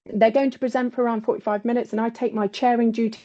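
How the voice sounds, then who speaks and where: A woman's voice: on the high side, little pitch movement, quick pace. Woman chairing a webinar, audio keeps cutting out. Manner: warm, eager welcoming tone. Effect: audio cutting out on a bad connection. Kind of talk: hosting an online panel. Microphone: video call. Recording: dull lo-fi video call audio.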